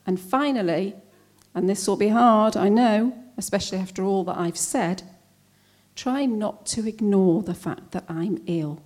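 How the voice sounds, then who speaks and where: A woman recites her own spoken-word poem in an unhurried, measured way. Her voice is soft and mellow, and her lines come out wry and pointed. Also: medium pitch. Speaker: poet. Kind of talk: spoken-word poetry performance.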